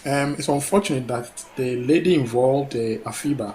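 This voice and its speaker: A man's voice: mid-range voice, moderate pace, darkish tone. Male caller from Ghana, hesitant and earnest, noisy line. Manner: hesitant, many fillers, earnest. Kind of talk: call-in talk.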